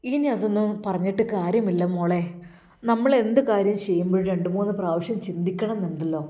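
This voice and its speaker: A woman voicing a caring, pious older mother who speaks low and soothingly. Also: fast talker, dark tone, close to an everyday voice.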